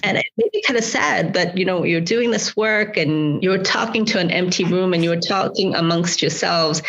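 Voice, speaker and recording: Earnest woman from Malawi, low-pitched, muffled. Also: a bit bright. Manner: earnest, repeats words while searching for phrasing. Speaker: school board president. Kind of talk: interview answers.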